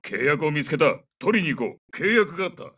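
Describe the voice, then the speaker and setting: A man's voice: on the high side, sing-song, a little fast, a bit bright, slightly rough, distant mic, full character voice. A man voicing a tough, seasoned military captain in a shooter game, giving terse, commanding combat callouts. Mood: brisk, businesslike. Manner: terse, commanding radio-call delivery. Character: tough, seasoned British male special forces captain. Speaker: video game voice actor.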